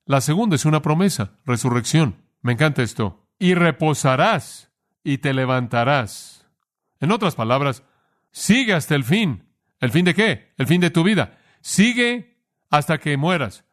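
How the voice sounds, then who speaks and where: A man preaching a sermon and then leading a prayer, earnest, asking questions and answering them himself, slowing down to stress key words. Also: a little high, big pitch swings. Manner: slows down to stress key phrases.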